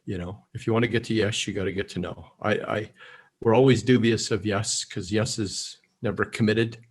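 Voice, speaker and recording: A middle-aged man from Canada, a guest in a casual interview, speaking calmly and telling stories. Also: fairly low pitch, moderate pace. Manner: calm, even-keel storyteller who drops in quoted lines. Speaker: guest, negotiation expert.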